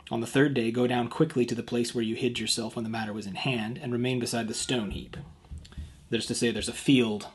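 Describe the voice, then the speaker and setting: A youth pastor with a lowish, husky voice gives a devotional talk, reading the scripture passage aloud and pausing to explain it in plain words.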